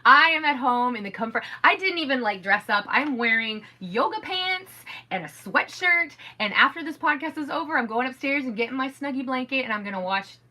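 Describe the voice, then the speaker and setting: A middle-aged woman hosting a casual podcast from home, telling stories in a rambling, animated way. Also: high-pitched, a little fast, few pauses. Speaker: podcast host. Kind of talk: casual chat.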